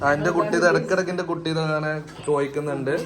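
A man's voice: a little high, fairly even intonation, rapid-fire, a loud crowd. A man giving casual running commentary for a family vlog, chatty and joking, speaking straight to his viewers. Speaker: family vlogger.

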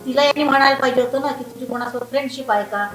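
An actress playing a middle-aged mother who keeps trying to calm others down. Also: high-pitched, rapid-fire, faint music behind, close to an everyday voice. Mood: placating. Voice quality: placating. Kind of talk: web series acting. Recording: echoey room, a bit far from mic.

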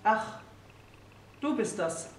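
A woman voicing a grumpy middle-aged husband who grumbles and turns plaintive. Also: drawn-out words. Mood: grumbling. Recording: roomy distant reading with faint hiss.

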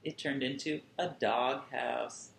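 A children's museum storyteller in his thirties reads a picture book aloud to young children, drawing out words expressively in a mid-range voice that is creaky and a bit bright. He's indoors in a small furnished room at home, a little distance from the mic, and the sound is roomy with faint background noise.

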